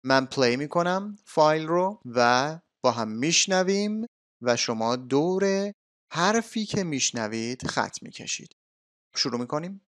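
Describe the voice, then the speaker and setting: Male teacher, patient, repeats sounds slowly, dry close voice. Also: a little high, animated, fairly bright tone, no room sound. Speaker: English teacher. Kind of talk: explaining a language lesson.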